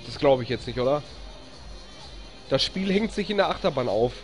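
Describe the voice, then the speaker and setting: Faint music runs behind this excitable let's-play from a German-accented live-stream gamer. The mid-range voice moves at a normal speed, often cheering and laughing and grumbling whenever the game gets stuck.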